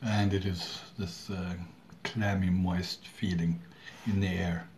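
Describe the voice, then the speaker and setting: A middle-aged man chats to the camera in a low voice. He goes very slowly and haltingly, pausing often and clearing his throat. The home recording has noticeable background noise. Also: little pitch movement, a little mellow. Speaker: vlogger. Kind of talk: casual talk to camera. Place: small room at home indoors.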